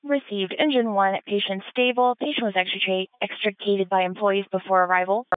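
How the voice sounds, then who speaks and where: A woman works as a dispatcher on a police-style radio channel. Her delivery is quick, clipped and procedural, and the sound is dry and squeezed into a thin scanner band. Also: medium pitch, fairly even intonation, dry recording. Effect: two-way radio. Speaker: fire dispatcher. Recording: phone-like band-limited scanner radio audio.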